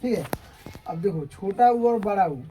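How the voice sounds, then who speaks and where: A man's voice: high-pitched, animated, unhurried, warm tone, soft background music, poor audio. A male teacher giving a classroom grammar lecture, explaining step by step and often checking that students understand.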